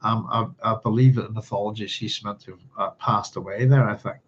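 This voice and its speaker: A man with a Northern Irish accent hosts an informal book club, giving read-along commentary on a novel in a rambling, scattered way and often thinking aloud. His voice is lowish, slightly rough and fairly quick, with fairly even intonation, and the audio sounds dull.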